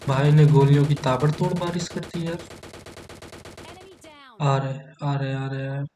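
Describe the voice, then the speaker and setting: A man's voice: medium pitch, fairly even intonation, unhurried, warm tone, a little hiss or hum. A young man hosting a gaming channel, joking and bantering crudely with teammates as he narrates his match. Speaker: gaming YouTuber. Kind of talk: comedic gameplay commentary.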